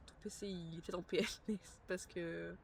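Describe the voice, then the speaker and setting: A woman's voice: on the low side, steady tone, normal speed, vocal fry, slight background noise. A woman streaming a game live, chatting casually with her viewers and breaking into playful bursts of panic. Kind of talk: casual live-stream chat while gaming.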